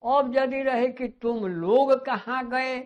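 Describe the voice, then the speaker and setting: A man teaching a grammar lesson, slowly repeating and drawing out words. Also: very high voice, clean tone. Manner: slow, repeats words and stretches them out. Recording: dull lo-fi sound.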